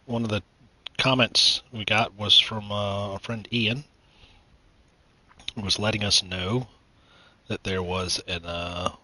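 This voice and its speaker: Low-voiced rambling man, bright edge. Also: rough recording. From United States. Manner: rambling, many fillers and restarts, clears throat often. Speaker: gaming channel host. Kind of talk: casual gaming news chat.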